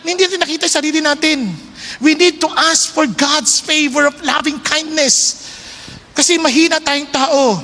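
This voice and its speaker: High, bright Filipino preacher in a hall. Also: male voice, normal speed. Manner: animated, acts out quoted prayers and speeches. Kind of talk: sermon mixing Tagalog and English. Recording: long reverb of a large hall.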